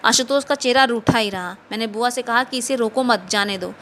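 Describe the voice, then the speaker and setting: Female storyteller, fairly high and bright, steady measured reading of a short story. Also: a little hiss or hum.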